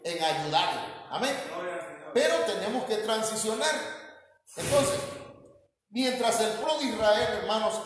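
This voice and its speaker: Mexican pastor preaching in an echoey hall. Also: male voice, high voice. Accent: Mexican Spanish. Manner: addresses congregation as hermanos, frequent amén and fillers. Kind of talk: sermon. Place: church hall. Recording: very echoey church hall with long reverb.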